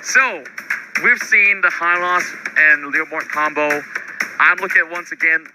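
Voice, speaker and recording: A man's voice: a little high, music in the background, poor audio. A man co-casting an esports match, thoughtful and a little hesitant. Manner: thoughtful, drawn-out, hesitant fillers. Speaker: esports co-caster. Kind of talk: esports commentary.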